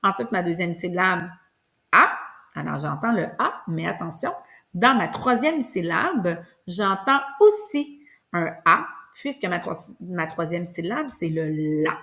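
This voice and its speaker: A woman talks parents through a preschool reading lesson. Her voice sits a little low for a woman, and she speaks in a patient, explanatory way, drawing out sounds to show them. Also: expressive, a little slow, creaky, bright, forceful tone. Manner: patient, explanatory, stretches out sounds in words for demonstration. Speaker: preschool teacher. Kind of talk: instructional video for parents.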